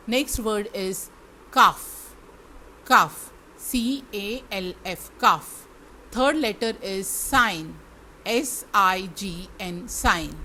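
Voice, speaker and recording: A woman's voice: mid-range voice, pushed and bright, slight background noise. An Indian woman teaching English to students, spelling words letter by letter and repeating each one. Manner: addresses students directly. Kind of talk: classroom lesson spelling words aloud.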